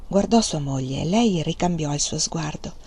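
A woman reading a novel aloud as audiobook narration, measured and expressive. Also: deep voice, slightly rough. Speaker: reader of a novel.

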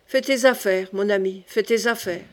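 A woman's voice: medium pitch, moderate pace, lightly acted. A woman reading the part of a cunning young king who speaks in a wry, teasing way. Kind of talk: audiobook character reading.

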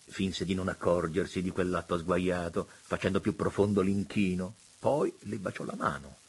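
A man reading a classic novel aloud as narrator, in a theatrical, measured, expressive manner. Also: low-pitched, creaky, breathy edge. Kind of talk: audiobook reading of a literary novel.

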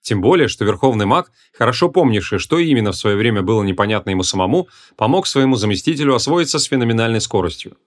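Brisk male audiobook narrator. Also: fairly low pitch, lively intonation. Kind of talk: scripted narration.

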